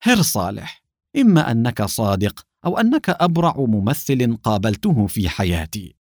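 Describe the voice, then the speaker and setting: A man reading aloud, voicing an angry, stern male police officer with a harsh, booming manner. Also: big pitch swings, normal speed, a little mellow, no room sound, studio quality.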